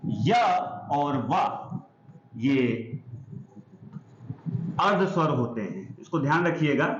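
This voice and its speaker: A man teaching an exam-prep grammar lesson, patiently spelling out sounds and often asking if it is clear. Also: medium pitch, a little hiss or hum. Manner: explains patiently, drawing out sounds and checking understanding. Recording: echoey room, dull lo-fi sound.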